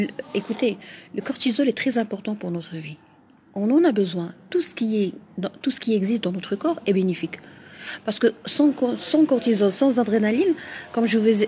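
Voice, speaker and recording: A woman's voice: mid-range voice, warm tone, a little hiss or hum. A woman doctor from Morocco hosting a live stream, answering viewers' comments frankly, with frequent fillers and restarts.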